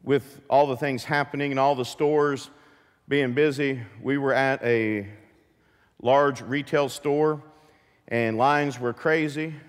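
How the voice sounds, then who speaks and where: A pastor preaching a sermon to his church, lively and full of questions to the congregation. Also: mid-range voice, slow pace, clear, resonant tone, in a large hall. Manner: animated, asks the congregation many questions. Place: church sanctuary.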